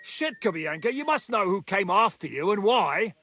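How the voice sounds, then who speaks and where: An actor playing a blunt, hot-tempered outlaw comrade in a video game, speaking with emphasis. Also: male voice, high voice, big pitch swings, normal speed, pushed and bright, slight background noise, exaggerated voice. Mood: indignant. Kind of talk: video game dialogue acting.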